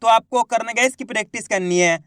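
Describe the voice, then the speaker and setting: A man's voice: very high-pitched, fast, a bit bright, smooth, no echo, studio quality. A man teaching beginners to read Hindi. He sounds out each word one syllable at a time, blends the syllables into the whole word, and encourages the viewers as friends. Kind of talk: reading lesson for beginners.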